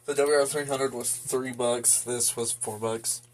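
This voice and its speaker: At home in an indoor room, a hobbyist video host shows off his collection of weather radios in an unscripted show-and-tell. His mid-range, steady voice comes out casual, halting and hesitant, and the home recording is noisy with clicks.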